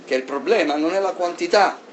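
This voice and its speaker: A man preaching a sermon in an animated way, swinging between loud emphasis and soft asides. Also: on the high side, fairly quick.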